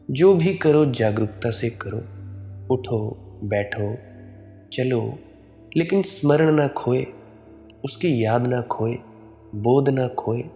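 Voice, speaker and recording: A man giving a spiritual sermon in a slow, measured, admonishing way. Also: medium pitch, warm tone. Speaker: spiritual preacher.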